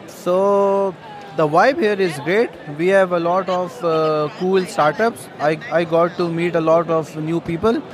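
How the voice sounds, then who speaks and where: Engineer, fairly high voice, brief casual answer. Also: male voice, unhurried, a crowd in the background. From Pakistan. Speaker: software engineer. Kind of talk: vox pop interview.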